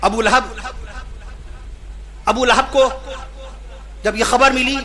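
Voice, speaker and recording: A man preaching at a religious gathering. He builds long, repeated lists that swell into shouts, then stops to spell out the correct pronunciation of names. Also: very high voice, fairly even intonation, takes it slowly. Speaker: Islamic preacher. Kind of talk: impassioned sermon at a religious gathering.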